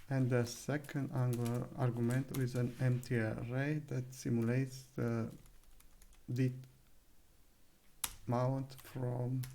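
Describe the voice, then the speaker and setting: A man's voice: medium pitch, vocal fry, warm tone, slight background noise. A man narrating a live coding screencast, thinking aloud with many fillers and self-corrections, at a desk microphone. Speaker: coding tutor. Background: keyboard typing and clicks.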